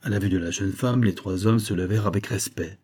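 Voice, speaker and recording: A man reads a classic novel aloud in a measured, steady way. His voice is low, dark and warm, with a husky grain. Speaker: audiobook narrator. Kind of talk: scripted narration of a classic novel.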